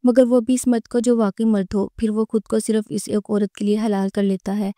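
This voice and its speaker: A woman narrating a romance novel in a steady, even reading voice, close to the mic. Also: mid-range voice, no echo.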